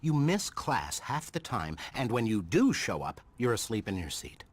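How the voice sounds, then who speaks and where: An actor playing a stern, exasperated middle-aged science professor, lecturing in a game cutscene. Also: male voice, on the low side, sing-song, normal speed, slightly rough. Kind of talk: scripted game cutscene dialogue.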